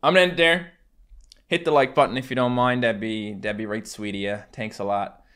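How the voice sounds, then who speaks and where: Here a young man from Newfoundland, in his twenties, talks to camera for his gaming channel in a relaxed, halting, self-mocking way with a local accent. His medium-pitched voice is steady, fairly quick, a little bright, clear and resonant. The setting is a small foam-treated room at home.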